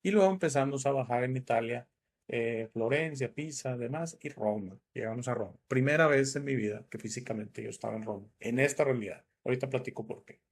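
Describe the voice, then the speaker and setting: A man's voice: medium pitch, fairly quick. A man from northern Italy, the host, telling a personal story in a reflective, casual way. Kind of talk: casual chat.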